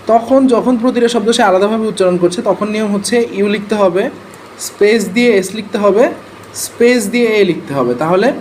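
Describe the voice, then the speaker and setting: A man walks a class through transcription rules. He keeps a relaxed, conversational tone and keeps checking in with his listeners. His voice sits high, with a faint steady hiss underneath. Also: low-quality recording. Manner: conversational, checks in often with rhetorical questions. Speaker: transcription trainer.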